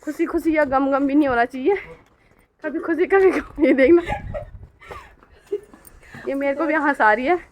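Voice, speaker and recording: Filming on city streets and at home, a middle-aged woman narrates her family vlog in a homely way, frequently tagging questions to viewers. Her voice is high-pitched and her speed normal, with long pauses. There is a little hiss or hum.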